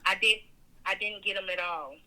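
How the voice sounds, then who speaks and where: A woman talking over a phone on speakerphone in a casual conversation, hesitant and pausing often with "um"s. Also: mid-range voice, pushed and bright, rough recording. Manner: hesitant, with frequent pauses and "um"s. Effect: heard over a phone on speakerphone. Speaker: interviewee on a phone call.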